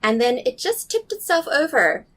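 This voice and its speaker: In a casual interview at a city restaurant or office, a middle-aged South African woman appears as a guest, a nature recorder, and tells nature stories eagerly. Her voice is high, bright and sing-song at a normal speed, with a blended international accent that leans slightly Canadian. She is enthusiastic and curious and explains carefully, with small restarts.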